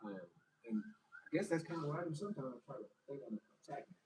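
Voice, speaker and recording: A man's voice: on the high side, very animated, quick pace, a little mellow, recorded from a distance, rough recording. A young adult man on a casual fitness livestream, reading viewer comments and answering them in a loose, chatty way.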